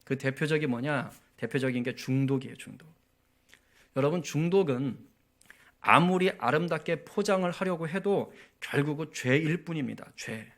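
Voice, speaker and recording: A man's voice: on the high side, normal speed. A man preaching a sermon as pastor at a church prayer meeting, telling stories and often checking in with the congregation. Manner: storytelling, often asks the congregation for agreement.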